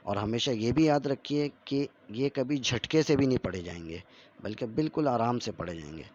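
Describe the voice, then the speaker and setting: A man teaches a step-by-step Quran reading lesson in a mid-pitched voice. He repeats each rule patiently and stretches the syllables slowly when he recites the drills. The audio sounds a little dull and lo-fi. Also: animated, darkish tone. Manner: repeats rules over and over for learners.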